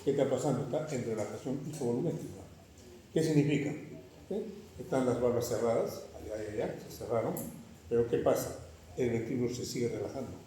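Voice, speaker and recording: A man's voice: medium pitch, fast talker, warm tone. A man lecturing a class, questioning his students rhetorically and checking in with frequent "right?" tags. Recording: echoey classroom recorded from far off.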